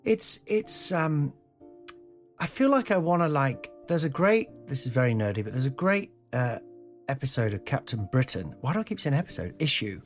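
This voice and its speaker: Very animated and moving at a moderate pace, the slightly croaky host meanders through a solo podcast ramble, poking fun at himself and dropping the odd swear word. The setting is an old house, the mic is a home podcast one without a pop shield, and faint music hums low behind him.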